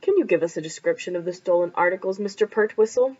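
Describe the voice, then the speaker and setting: Woman putting on a grave male cop, lower voice, formal, lo-fi recording. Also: lively intonation, fast talker, a little mellow, lightly acted. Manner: serious and formal. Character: gruff, grave male police officer.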